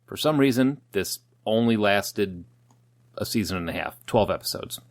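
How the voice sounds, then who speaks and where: A man's voice: lowish voice, expressive, normal speed, dry recording, clean studio sound. A man co-hosting a podcast, reading out old news items with jokes and loose swearing. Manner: joking, swears casually, stumbles over words. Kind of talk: casual podcast banter.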